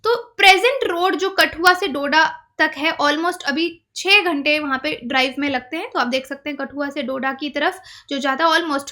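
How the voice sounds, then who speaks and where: A woman's voice: high-pitched, moderate pace, few pauses, pushed and bright. A young woman giving an exam-prep video lecture, explaining each point and repeating the key facts, mixing Hindi with English. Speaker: teacher.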